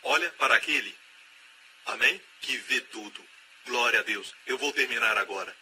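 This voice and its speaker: A man with a Brazilian Portuguese accent, giving the voice-over of a sermon with emphatic preaching and loud repeated exhortations. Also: mid-range voice, moderate pace, poor audio. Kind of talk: dubbed sermon. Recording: steady background noise.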